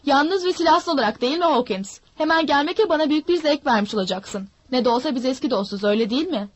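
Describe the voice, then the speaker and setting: A woman's voice: high-pitched, animated, quick pace. A woman doing a sly old pirate. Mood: sly coaxing. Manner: smooth-talking, mocking threats.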